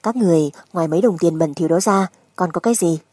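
A woman narrator acts out a surly gambler husband in a dramatic audiobook. The voice is low-leaning and husky. He is crude, sneering and spiteful, with menace under the mockery. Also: quick pace, warm tone, no echo, studio quality. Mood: bitter mockery.

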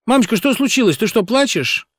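A man's voice: high voice, lively intonation, brisk, slight background noise, pitched above the performer's own voice. A man voicing a quarrelsome woman company director who screeches in anger and turns frantic on the phone.

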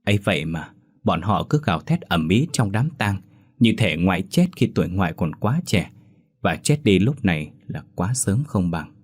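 A man's voice: low-pitched, sing-song, normal speed. A man narrating a first-person story in a bitter, scornful tone.

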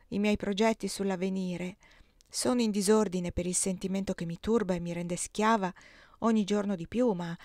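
A woman's voice: medium pitch, a little mellow, no echo, studio quality, close to an everyday voice. A woman voicing a passionate young woman who pleads emotionally with her lover.

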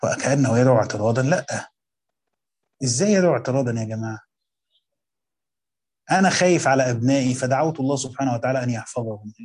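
A man with an Egyptian Arabic accent teaching a Quran commentary lesson, reading quotes slowly and then explaining them in colloquial talk while questioning his students. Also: medium pitch, a little mellow, breathy edge.

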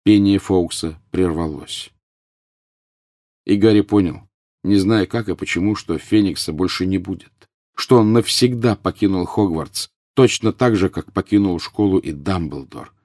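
Deep-voiced man narrating an audiobook. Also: unhurried, darkish tone, no room sound, studio quality. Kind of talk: scripted narration.

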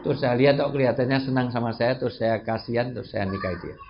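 A middle-aged man giving a humorous religious lecture, joking with his audience and breaking into loud bursts of emphasis. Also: medium pitch, rapid-fire, gravelly. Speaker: preacher. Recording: dull lo-fi recording with faint background hiss.

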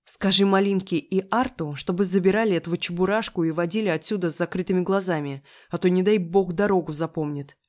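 Brief: reader putting on feisty young woman student, loud and snappy, audiobook character. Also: on the low side, moderate pace, natural voice. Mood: indignant.

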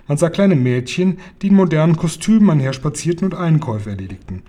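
A man reading a children's novel aloud with calm, measured narration. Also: on the high side. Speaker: reader.

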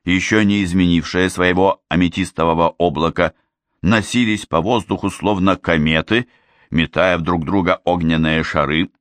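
A man narrating a fantasy novel in a steady, measured storytelling manner. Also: low voice, no echo. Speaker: audiobook reader. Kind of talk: scripted narration.

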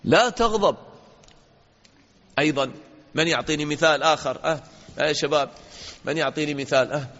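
A man's voice: a little high, a little fast, pauses often, a bit bright. A man giving an interactive religious lesson to children, asking questions, praising answers and acting out little dialogues. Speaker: sheikh teaching children. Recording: dull lo-fi audio in a reverberant hall.

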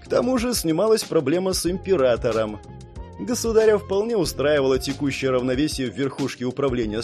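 A man reading a fantasy audiobook in a steady, measured narration. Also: medium pitch. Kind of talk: scripted narration.

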